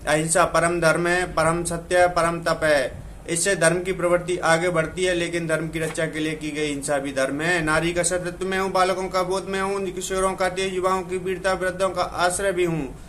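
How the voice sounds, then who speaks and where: A man's voice: sits high, flat delivery, moderate pace, a bit bright, a little hiss or hum. A man reciting verse as a stern, all-powerful male deity, proclaiming in a solemn manner. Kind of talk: recited devotional poem.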